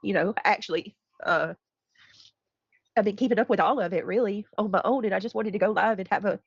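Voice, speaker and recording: A woman's voice: medium pitch, fairly quick, husky, no room sound. An overwhelmed, upset woman chatting casually and confessionally on a live stream, with a stuffed-up nose. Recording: slightly dull, dry audio.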